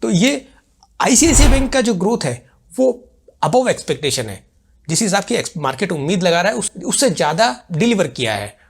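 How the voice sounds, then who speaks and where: A man with a somewhat high-pitched voice delivers a weekly stock market analysis. He explains conversationally and pauses to think aloud. He uses simple everyday comparisons to make his points. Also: very animated, vocal fry, slightly rough.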